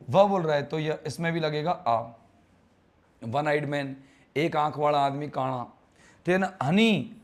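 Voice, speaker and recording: Chatty, teasing Indian man teaching English. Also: on the high side. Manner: chatty, teasing, quizzes students on answers. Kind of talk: live online English grammar class.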